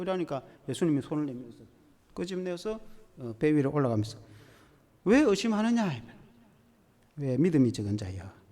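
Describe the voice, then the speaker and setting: A male pastor preaches with animated storytelling. His voice sits high and swings through a wide range. A long reverb from the church hall trails each phrase. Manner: animated storytelling with acted-out quotes. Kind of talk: sermon.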